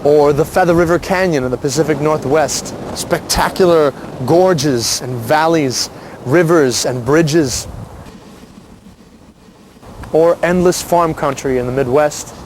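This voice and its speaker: A man's voice: a little high, measured pace, rough recording. An American man talking casually to camera like a showman, stretching out his emphatic adjectives. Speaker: circus ringmaster showing his life on tour. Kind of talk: casual to-camera vlog talk. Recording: faint outdoor and vehicle noise. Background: faint outdoor noise.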